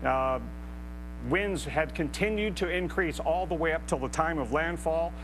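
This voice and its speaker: A man, a meteorologist, giving a detailed and precise live technical weather briefing. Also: measured pace. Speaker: hurricane expert meteorologist. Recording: clear hum and rumble of noise.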